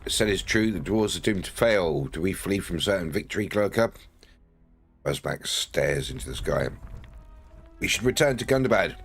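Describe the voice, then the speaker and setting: A man's voice: sits low, creaky. A man giving casual gameplay commentary, slipping into playful in-character narration. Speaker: game streamer. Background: game music.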